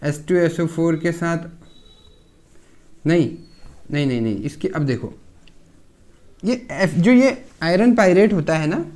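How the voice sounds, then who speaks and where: A man talks through a pharmacy chemistry lesson in a relaxed classroom way. His voice sits a little high for a man. He poses questions to his students, answers them himself, and keeps checking in as he goes. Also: takes it slowly, pauses often. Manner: explains step by step, asks and answers his own questions, keeps saying "theek hai". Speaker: pharmacy lecturer. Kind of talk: casual classroom lecture.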